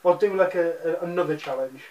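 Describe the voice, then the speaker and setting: A man's voice: fairly high pitch, fairly quick, darkish tone. A man in his twenties hosting a challenge in casual, playful chat. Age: 20s. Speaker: challenge host. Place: small living room. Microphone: camera across the room. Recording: echoey living room, distant mic.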